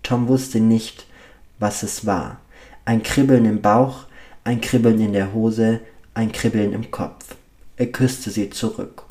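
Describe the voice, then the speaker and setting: A man reading a story aloud in a steady, plain storytelling manner. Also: on the low side, slow pace.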